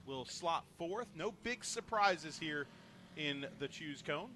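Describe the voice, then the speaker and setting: A man calling a short-track car race from the announcer booth, getting loud and high on restarts and crashes and bantering with his partner between calls. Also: expressive, takes it slowly, a little hiss or hum. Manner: rises sharply in pitch and volume on restarts and wrecks, joking banter between calls. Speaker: race commentator. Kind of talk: live race commentary.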